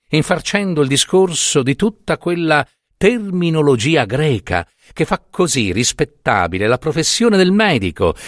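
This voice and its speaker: A man narrating a literary short story with expressive, theatrical phrasing. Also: a little high, no echo, clean studio sound. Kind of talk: dramatic audiobook narration.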